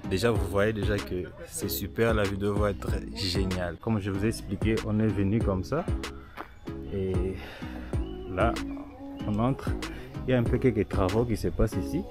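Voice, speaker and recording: Vlogger, music behind. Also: male voice, lowish voice, fairly even intonation, normal speed. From Congo (DRC). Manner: chatty, switches between French, Lingala and English. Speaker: vlogger and interviewer. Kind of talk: casual vlog interviews. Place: outdoors at a riverside resort.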